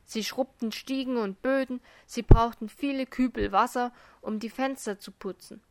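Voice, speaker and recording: A woman reading her own blog post aloud as a story, voicing the characters with lively storytelling. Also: fairly high pitch, dry recording.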